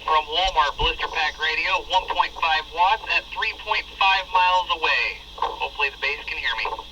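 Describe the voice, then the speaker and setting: Man, high voice, radio test call over walkie-talkie, muffled and very noisy. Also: moderate pace. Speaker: radio reviewer.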